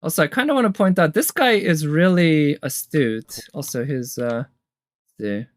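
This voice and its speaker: Hosting a game trailer tier list, a man with a fairly high voice and lively intonation talks at a normal speed, with no echo. His commentary is casual and enthusiastic, thinking aloud as game trailer music plays behind him.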